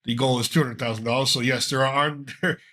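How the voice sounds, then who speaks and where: On a casual talk show, a man comments on news in a loose, rambling manner, dropping frequent "uh" fillers while stuffed up from a cold. The podcast host's medium-pitched voice is steady in tone, fast, and sharp.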